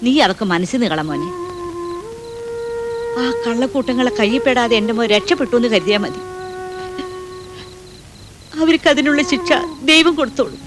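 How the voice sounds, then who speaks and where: A woman's voice: fairly high pitch, expressive, normal speed, pauses often, music in the background, close to an everyday voice. An actress playing a mother soothing her wronged son, consoling yet bitter, in a film drama.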